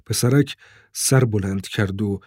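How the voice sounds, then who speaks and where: A man narrating an audiobook in a calm, even storytelling manner. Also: lowish voice, dry recording, studio quality. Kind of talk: scripted narration.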